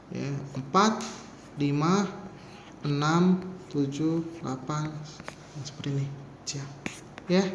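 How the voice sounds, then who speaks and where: A man's voice: on the high side, reverberant, slight background noise. Casual man teaching, counting strokes. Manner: counts character strokes aloud slowly, casual asides. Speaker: Mandarin teacher. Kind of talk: online language lesson.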